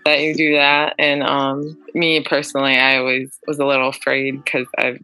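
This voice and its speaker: A young woman hosts a podcast in a casual, friendly way, laughing often and scattering "um" through her questions. Her voice sits low for a woman but has a bright, forward edge. Soft music plays faintly behind her. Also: flat delivery, moderate pace, clean tone, poor audio. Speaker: podcast host. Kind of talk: casual interview chat.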